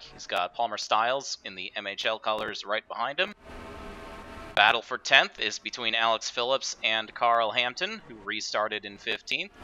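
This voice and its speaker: A man calling a simulated stock car race as stream host, chatty and relaxed with joking asides. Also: medium pitch, slight background noise, poor audio. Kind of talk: casual sim racing play-by-play.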